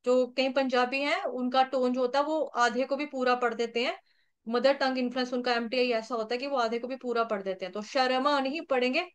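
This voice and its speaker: A woman's voice: sits high, steady tone, a little fast, smooth. A woman teaching an online class, spelling out syllables one by one and chanting verse lines for students to repeat. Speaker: scripture recitation teacher.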